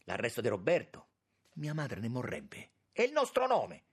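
A man reading an audiobook, voicing an agitated young man who pleads in loud, high outbursts. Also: big pitch swings, measured pace, slightly rough, heavily acted. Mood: indignant.

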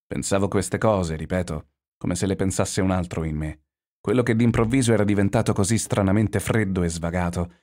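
A man with a very low, deep voice reads literary fiction aloud, measured and expressive. His narration turns inward and reflective, pacing each clause with care. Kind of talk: literary audiobook reading.

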